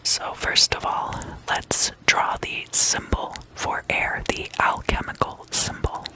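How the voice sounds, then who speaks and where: An ASMR host whispers a guided meditation lesson in a soft, breathy, unvoiced voice, taking it slowly and often softly repeating words. The audio quality is poor.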